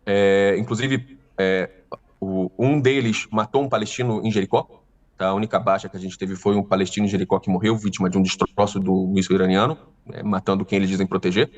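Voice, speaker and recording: A man with a carioca accent from Rio, a tour guide speaking in a remote news interview with many hesitant pauses. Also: low-pitched, flat delivery, recorded from a distance. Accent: Carioca Brazilian Portuguese. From Rio de Janeiro, Brazil.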